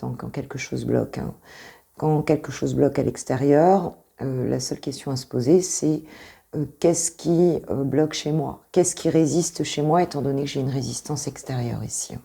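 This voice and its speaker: A woman's voice: extremely low pitch, vocal fry, mellow, breathy edge. A French woman coaching intuitively, talking casually through a tarot reading with many hesitations and repeated points.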